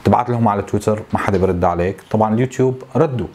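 A man in his thirties with a Syrian Arabic accent, venting to camera in a frustrated, complaining way, with halting repetitions. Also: lowish voice, warm tone. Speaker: tech YouTuber. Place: small home office, indoors.

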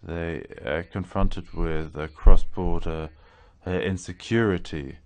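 A man giving simultaneous interpretation into English at a policy briefing, speaking in a measured way with frequent hesitations and restarts. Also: low-pitched, steady tone, darkish tone. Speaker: conference interpreter.

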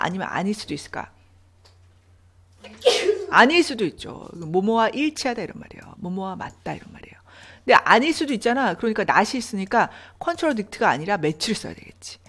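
A woman teaching an English reading lesson, her pitch rising and falling in a lively, animated way. She walks through grammar step by step and keeps asking her students questions. Her voice sits in an ordinary middle register.

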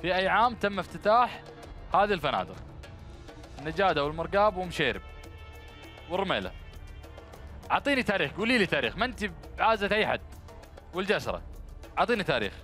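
A male game show host with a Gulf Arabic accent talks briskly in a slightly high voice. He banters and encourages, speaking into a headset mic over faint music. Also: big pitch swings, pushed and bright. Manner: bantering, encouraging callers with blessings. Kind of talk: live TV quiz hosting with phone callers. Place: small studio set dressed as instrument shop. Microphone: headset microphone.

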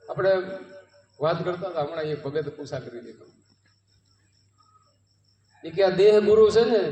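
A man's voice: sits high, darkish tone, muffled recording. A man with a Gujarati accent giving a devotional satsang sermon, telling parables and asking rhetorical questions. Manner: storytelling, rhetorical questions, quoting devotional verses. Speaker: satsang preacher. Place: home courtyard gathering. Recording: roomy, distant mic with long reverb.

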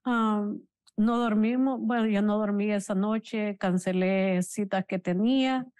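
A woman giving an emotional, halting personal testimony in an interview, earnest and religious. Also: mid-range voice, steady tone, a little mellow, clear, resonant tone, no room sound. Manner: emotional, slow, halting storytelling. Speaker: interview guest, bereaved mother.

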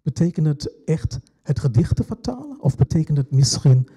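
A man's voice: on the high side, very animated, normal speed, warm tone, husky. A man moderating a literary event, explaining a translation project in a hesitant way with many fillers. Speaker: festival moderator.

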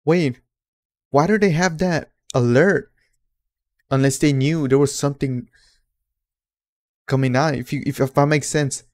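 A man hosting a reaction video, giving casual commentary in an animated, slangy, ranting way. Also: fairly high pitch, measured pace, pauses often.

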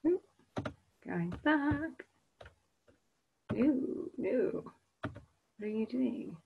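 Speaking very slowly in a high, expressive, gravelly voice, an American woman in her forties chats before her webinar begins and reads audience answers. The webcam audio sounds narrow and tinny, with a little hiss or hum.

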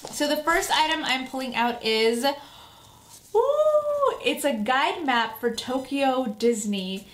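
Female unboxing host, higher-pitched, excited fan gushing casually to viewers, recorded in an echoey room. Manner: excited, gushing fan, drawn-out emphasis and delighted exclamations. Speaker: vlog host. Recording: echoey room, some background noise.

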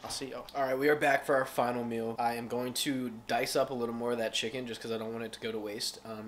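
Casting: young male fitness vlogger, slangy and relaxed, mid-range voice, phone-camera talk. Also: mid-range voice, slight background noise. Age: 20s. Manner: laid-back and slangy, upbeat. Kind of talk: casual vlog talk to camera. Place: car, restaurant and home kitchen.

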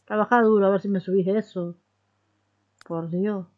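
A woman's voice: mid-range voice, steady tone, moderate pace, phone-quality sound. A woman with a Rioplatense Spanish accent giving casual let's-play commentary, chatty and coaxing as she talks to her characters like babies. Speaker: gaming YouTuber.

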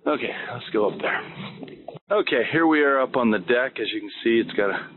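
A man's voice: mid-range voice, animated, fairly quick. A man giving a walkthrough tour of a house and its grounds as a real estate agent, talking unhurriedly and plainly with many fillers. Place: walking through a house and its grounds. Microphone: handheld camera mic. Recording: thin phone-like sound with faint noise.

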